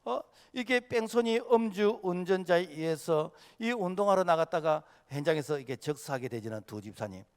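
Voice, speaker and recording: A male senior pastor preaching a sermon, impassioned, full of filler "uh"s, swinging between loud outbursts and hushed passages. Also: on the high side, expressive, moderate pace, hardly any pauses. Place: church sanctuary. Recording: long hall reverb of a church sanctuary.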